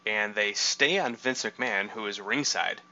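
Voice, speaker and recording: Bright-voiced man recapping a show. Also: on the low side, unhurried, dull audio. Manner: narrating recap with asides. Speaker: podcast host.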